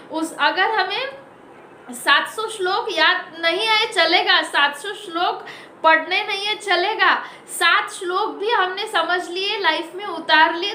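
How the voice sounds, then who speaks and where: On her own channel, a motivational speaker with a very high, bright voice hosts a talk, urging her listeners on in short, emphatic bursts and repeating key lines for emphasis. The audio has a roomy echo and slight background noise.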